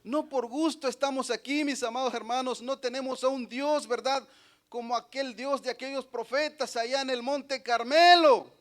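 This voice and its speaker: A man preaching a Pentecostal sermon in church, swinging between loud swells and soft drops and tagging his lines with questions and amens. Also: very high-pitched, steady tone, normal speed. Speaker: pastor.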